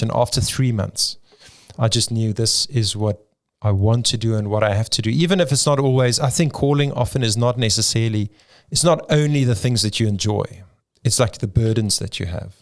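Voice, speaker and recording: A middle-aged South African pastor and church planter, whose first language is Afrikaans, tells his story in an interview. His voice is on the low side and brisk, and he often says um and restarts his sentences.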